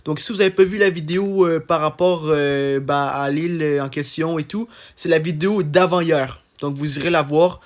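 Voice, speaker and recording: A man's voice: fairly high pitch, steady tone, moderate pace, hardly any pauses. A young man with an accent giving casual, chatty gameplay commentary, full of fillers and checking in with "d'accord?". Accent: non-standard French accent. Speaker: gaming YouTuber.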